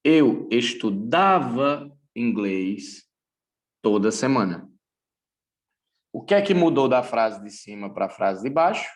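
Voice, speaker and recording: A Brazilian man of medium pitch records an English grammar lesson. His delivery is deliberate, and he makes a habit of restating the main points.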